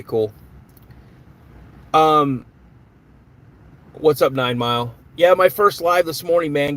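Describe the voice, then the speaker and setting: A man's voice: medium pitch, fairly bright tone. A man hosting a live stream in a casual, chatty way, greeting viewers by name and answering their comments.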